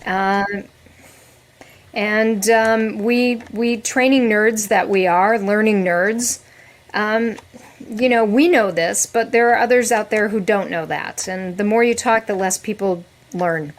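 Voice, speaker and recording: A middle-aged woman chatting as a podcast guest, animated, often laughing and restarting her sentences. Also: medium pitch, takes it slowly. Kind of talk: casual podcast conversation.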